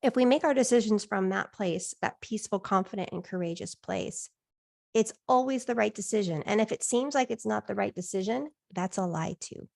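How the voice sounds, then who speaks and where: A woman's voice: mid-range voice, normal speed, creaky, a little mellow. A woman leading a life coaching session in an encouraging, affirming, reflective way.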